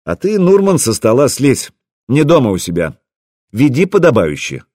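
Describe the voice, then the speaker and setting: A man voicing a proud, quick-tempered boyar commander in an audiobook, commanding and blustering. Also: medium pitch, huge pitch swings, a little mellow, no echo, clean studio sound, pitched above the performer's own voice. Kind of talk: audiobook character reading.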